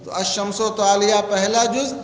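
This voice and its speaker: A high-pitched Indian man leads a classroom lecture, reading Arabic lines and then explaining them. His voice rings through a hall with a long echo, over a faint hum of noise. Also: fairly even intonation. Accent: Indian Urdu. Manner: keeps quizzing students with questions. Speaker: teacher of logic.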